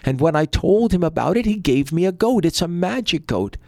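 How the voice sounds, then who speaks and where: A man's voice: a little high, lively intonation, fairly quick, gravelly, warm tone, dry recording, voice pushed up. A man voicing a poor, humble peasant man who sounds earnest and worried, speaking in a raised, pleading voice.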